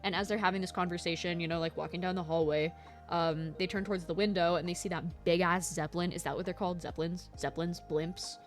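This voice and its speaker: A young woman vlogging a casual episode recap, excitable and rambling, swearing freely. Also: lowish voice, fast. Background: faint lo-fi background music.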